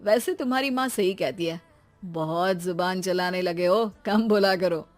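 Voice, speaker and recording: A woman's voice: fairly low pitch, normal speed, voice pushed down, close to an everyday voice. A woman playing a wry, teasing husband and father bantering with his family in a comic audio drama.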